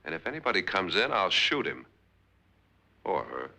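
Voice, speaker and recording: Tough, blunt, suspicious guest, low hard-edged voice, very forceful, vintage suspense film. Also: male voice, very animated, moderate pace, creaky, full character voice. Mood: tense, resolute.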